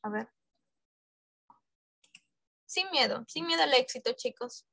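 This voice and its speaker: Brief: woman, English teacher, high voice, coaxing, keeps checking in, close dry sound. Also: animated, slow pace, vocal fry, pushed and bright, no room sound. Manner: coaxing, checks in with frequent questions. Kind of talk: online exam-prep class.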